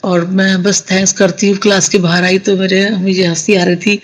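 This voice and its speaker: A woman shares a personal devotional experience in a relaxed, chatty telling. She talks to her listeners directly and warmly addresses them as a congregation. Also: medium pitch, normal speed, rough recording. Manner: conversational, addresses the listeners as sangat ji. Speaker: satsang storyteller sharing a devotee's experience. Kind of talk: casual devotional storytelling.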